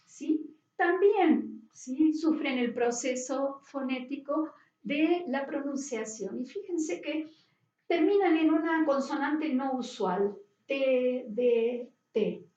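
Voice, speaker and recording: A woman's voice: sits high, lively intonation, takes it slowly, darkish tone. A woman teacher, lecturing and checking in with her students with a frequent "right?". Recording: roomy, distant, dull sound.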